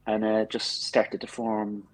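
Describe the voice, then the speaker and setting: Speaking slowly in a lowish, monotone voice, this Irish drummer in his fifties with a Cork accent talks casually as an interview guest. He keeps stumbling, repeating himself and starting sentences over. There's no room sound, though the recording is rough.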